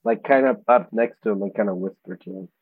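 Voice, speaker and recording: A hesitant male player in a tabletop game, with a lowish voice. It comes through a narrow, phone-like line with a dry sound. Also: fast, breathy edge, dry recording. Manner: hesitant, many fillers. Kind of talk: tabletop role-play chat.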